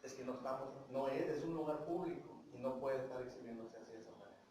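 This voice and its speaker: A man's voice: mid-range voice, fairly even intonation, fast, a little mellow, a little hiss or hum. A man with a Mexican accent teaching a Bible class at church, talking with the congregation and often checking in with "right?" and "yes?". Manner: asks the congregation questions, tags with "¿sí?" and "¿verdad?". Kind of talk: conversational Bible lesson to a congregation. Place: church meeting room. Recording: very echoey room, mic far off.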